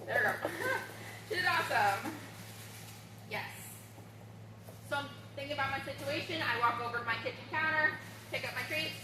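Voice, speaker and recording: A woman's voice: brisk, long pauses, sharp tone. A woman dog trainer giving an upbeat, instructive demonstration at home, recorded by a camera across the room. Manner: upbeat, instructive, bursts into high-pitched baby talk for the dog. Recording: roomy, distant camera sound, faint room noise.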